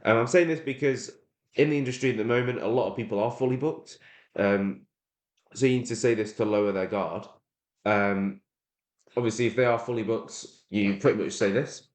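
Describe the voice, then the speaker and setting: A man's voice: lowish voice, fairly even intonation, moderate pace, darkish tone. Man, course instructor, casual tutorial, lots of filler words, swears offhand, echoey room. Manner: loose, many "um"s, swears casually. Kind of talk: casual screen-share tutorial.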